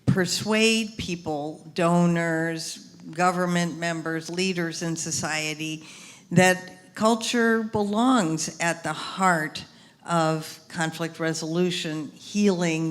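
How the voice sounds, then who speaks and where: A woman moderating a panel, introducing a guest in a measured way, listing items one by one. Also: fairly low pitch. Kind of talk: introducing a guest and asking a question.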